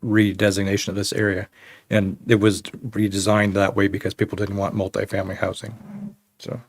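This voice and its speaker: Halting, skeptical middle-aged man on a council. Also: lowish voice, flat delivery, vocal fry, a little hiss or hum. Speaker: council member. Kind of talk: council debate.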